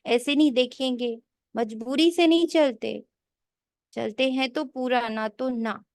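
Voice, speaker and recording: A woman spiritual teacher giving a sermon, slowly repeating key lines for emphasis and mixing in English phrases. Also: high voice, darkish tone, no echo, studio quality. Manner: mixes English phrases into her talk. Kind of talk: sermon explaining a daily scripture reading.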